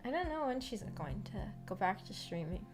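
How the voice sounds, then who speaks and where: Background music accompanies a woman streamer hosting a visual novel book club as she casually relates personal anecdotes, giggly and self-deprecating. She sounds very animated, speaking a little fast in a mid-range voice.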